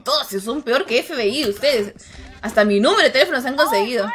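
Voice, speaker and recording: Female gaming streamer, high voice, joking and chatty with chat. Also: animated, fast talker, noisy background. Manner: chatty and joking, thanks viewers and reacts to play. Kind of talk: casual livestream chat while gaming.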